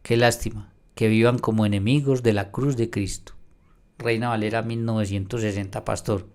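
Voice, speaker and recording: A man's voice: fairly low pitch, fairly even intonation, moderate pace, a little mellow. A man teaching from the Bible in a video response. He reads verses aloud with emphasis and argues directly with another pastor. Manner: addresses a rival pastor directly.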